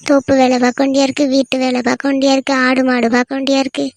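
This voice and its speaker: Woman voicing a high-pitched grumbling village mother. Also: completely flat delivery, racing, darkish tone, dry recording. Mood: weary. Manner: grumbling, scolding, talks to herself. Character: village mother, complaining, sharp-tongued. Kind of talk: cartoon voice acting.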